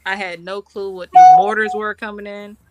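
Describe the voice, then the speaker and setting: A woman's voice: mid-range voice, flat delivery, moderate pace, low-quality recording. A woman, a military officer being interviewed, telling war stories in an informal, slangy way and acting out the dialogue. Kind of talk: animated personal war story told conversationally.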